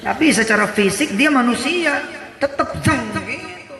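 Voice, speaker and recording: A man's voice: very high voice, animated, unhurried, creaky, pushed and bright. A man in his forties giving a joking, casual sermon and acting out little quoted voices. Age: 40s. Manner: jokey, acts out short quoted voices. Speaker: preacher. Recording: roomy hall reverb, faint background noise.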